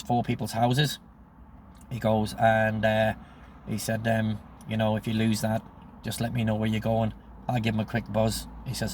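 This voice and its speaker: This is a casual anecdotal monologue from a sixty-year-old Northern Irishman who wanders from story to story about his life and re-enacts remembered dialogue. His lowish voice is a little mellow, and there's a bit of hiss or hum.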